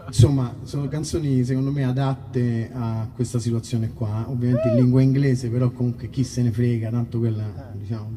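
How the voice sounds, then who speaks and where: At an outdoor festival concert in a nature park, a male singer-songwriter informally introduces songs, rambling and halting and often breaking off mid-thought. His mellow, mid-range voice comes through an amplified stage microphone, picked up from a distance.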